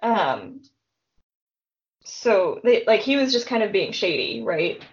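Woman co-host, mid pitch, conversational true-crime storyteller, muffled lo-fi sound. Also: very animated, slow pace. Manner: chatty retelling, frequent "like" and "um". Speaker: podcast co-host. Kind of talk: casual true-crime chat.

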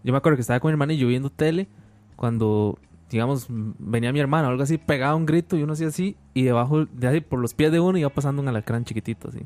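Brisk Costa Rican man reminiscing. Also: mid-range voice, darkish tone. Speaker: podcast co-host. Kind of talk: casual chat.

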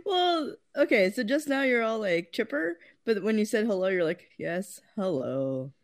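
Podcast co-host, woman, playful and teasing, animated pitch, dry close sound. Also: moderate pace, no room sound. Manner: teasing, laughs often. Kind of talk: casual chat.

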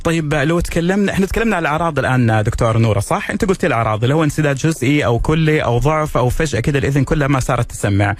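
A man hosting a radio talk show, his voice sitting a little high and rattling along at a very quick clip. He welcomes his guest and puts questions to her plainly, while faint music plays underneath. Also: expressive, dry recording.

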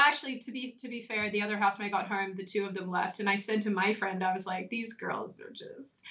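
A young Australian woman with a mid-range, slightly bright voice tells stories as a guest in a casual interview. She's chatty, with frequent likes and ums, and the lo-fi audio sounds slightly dull.

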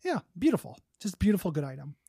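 A man co-hosting a podcast in casual chat, blunt and jokey, quick to vent. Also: sits high, sing-song, vocal fry, mellow, husky, no room sound, studio quality. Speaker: podcast co-host.

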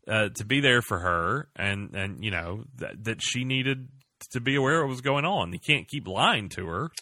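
A man with a lowish but bright, forceful voice, talking through an episode in casual, animated fashion. He jokes and tumbles from one scene to the next. The sound is close and dry. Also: no echo. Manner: animated, joking, retells scenes in quick asides. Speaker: podcast host recapping a TV episode. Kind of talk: casual recap chat.

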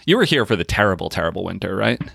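A man co-hosting a podcast, chatting casually and telling quick, jokey stories. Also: low-pitched, sing-song, creaky, a bit bright, breathy edge, no echo, studio quality. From northeastern United States. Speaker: podcast co-host. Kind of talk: casual chat.

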